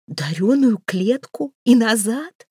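A woman voicing a hot-tempered fat man who shouts indignantly, pitched well above her own voice. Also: animated, takes it slowly, slightly rough, no echo, clean studio sound, exaggerated voice.

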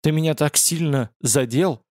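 A man's voice: fairly high pitch, normal speed, a little mellow, dry recording, clean studio sound, close to an everyday voice. A man reading an audiobook voices a proud young female demon warrior, haughty and strained by pain. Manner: haughty, then pleading in pain.

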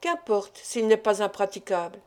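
A woman reading aloud voices a brisk, determined young male forester, speaking curtly, in an audiobook. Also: mid-range voice, sing-song, natural voice. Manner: curt and determined.

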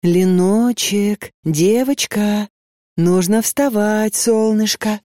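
A reader doing a whispering, wheedling stout aunt. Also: female voice, on the low side, expressive, unhurried, no room sound, studio quality. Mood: coaxing. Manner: hushed whispering, wheedling endearments. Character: stout middle-aged aunt, coaxing and pushy.

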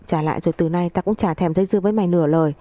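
A woman's voice: on the low side, racing, mellow, dry recording, lightly acted. A woman voicing an angry older brother who scolds his sibling with harsh contempt. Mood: contemptuous angry. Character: angry elder brother, the narrator's husband.

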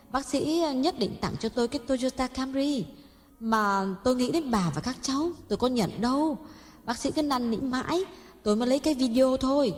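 A woman voicing a young mistress in her twenties who speaks calmly and politely with cold mockery, in an audio story. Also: fairly high pitch, lightly acted. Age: 20s. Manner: calm, polite, coldly mocking. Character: young mistress, cool and cutting. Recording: long hall reverb, faint music.

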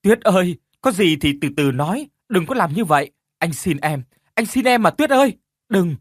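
A desperate young man , played by a male narrator, shouts and pleads in a frantic voice. His pitch swings widely as he begs. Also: sing-song, moderate pace, slightly rough, dry recording, clean studio sound, heavily acted.

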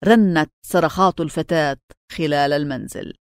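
A woman narrating a story for an audiobook in an expressive, dramatic reading style. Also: low voice, moderate pace, smooth, no echo, studio quality.

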